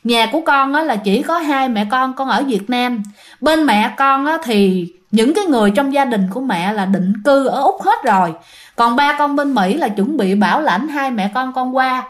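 A woman's voice: fairly high pitch, animated, moderate pace, natural voice. A woman voicing the pleading ghost of a ten-year-old boy in a spoken ghost story.

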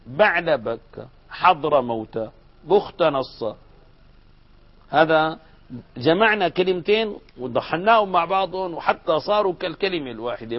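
Lively and classroom-like, a male grammar teacher keeps putting questions to his students, his fairly high-pitched voice rising and falling as he explains. The audio comes across as muffled and lo-fi.

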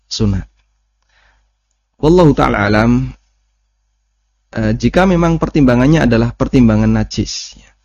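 A man's voice: medium pitch, warm tone, dry recording. Guy giving a religious talk, chatty explaining tone, dull lo-fi audio. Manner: explanatory, conversational, checks in with "ya". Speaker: Islamic teacher. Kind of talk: religious study lesson answering questions. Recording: dull lo-fi recording.

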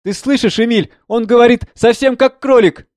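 A man reading the part of a frightened mother who breaks into nervous, giddy chatter, his voice raised high. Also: animated, moderate pace, darkish tone, dry recording, studio quality. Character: excitable middle-aged mother, laughing nervously.

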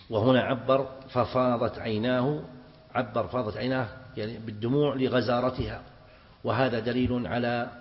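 A man teaching a classical religious text to students, explaining it slowly and quizzing them as he goes. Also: medium pitch. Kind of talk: mosque lesson explaining hadith. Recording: dull reverberant hall recording.

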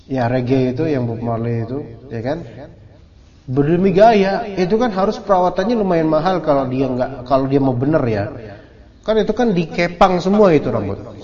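A man teaching an Islamic book study in a casual, joking, colloquial way. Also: on the high side. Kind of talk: kitab study lecture. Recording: muffled hall recording with audience.

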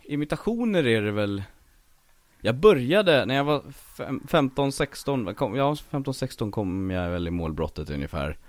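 A man's voice: mid-range voice, no room sound. A man who works as a voice actor and impressionist, telling stories in a casual podcast interview. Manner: lively storyteller, slips into quoted voices.

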